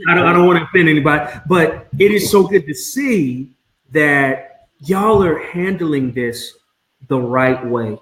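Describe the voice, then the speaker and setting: Host, male, 40s, lively interviewer, roomy echoey sound. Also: a little high, a little slow. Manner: animated, repeats and restarts phrases. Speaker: podcast host. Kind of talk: conversational interview. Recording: roomy echo, faint noise.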